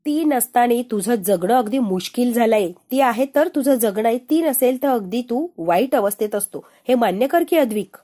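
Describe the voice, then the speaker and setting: A woman's voice: a little high, lively intonation, moderate pace, few pauses, warm tone. A woman voicing a man's inner conscience that teases and lectures him. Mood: scolding. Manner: needling, lecturing. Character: man's own inner voice, teasing and scolding.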